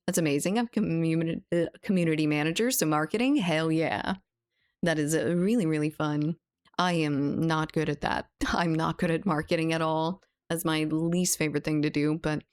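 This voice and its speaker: American girl streamer w a low voice, just chatting with viewers n reading out comments. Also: clear, resonant tone. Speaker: game livestreamer.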